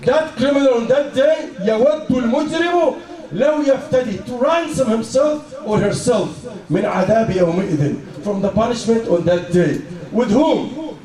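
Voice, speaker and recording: A man's voice: very high-pitched, animated, a little fast, a crowd in the background. A man preaching a sermon in an emphatic way, asking rhetorical questions and reciting verses. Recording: echoey hall, voice from a distant mic.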